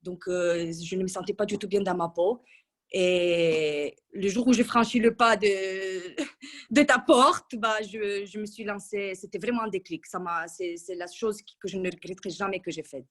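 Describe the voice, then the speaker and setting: A woman's voice: mid-range voice, moderate pace. A woman in her thirties giving a casual testimonial in an interview, chatty and full of restarts. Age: 30s. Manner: chatty, with many restarts and fillers. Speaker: coaching client giving a testimonial.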